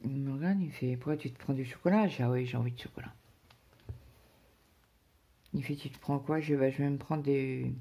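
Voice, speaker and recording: Chatty husky woman rambling. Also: rumbling low, brisk, pauses often, dark tone. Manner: rambling, chatty, many fillers and restarts. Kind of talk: casual personal chat to viewers.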